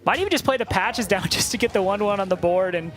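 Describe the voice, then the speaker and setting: A man casting a card game tournament, talking through plays with quick joking banter. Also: high voice, expressive, a bit bright. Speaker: esports caster. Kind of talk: play-by-play commentary.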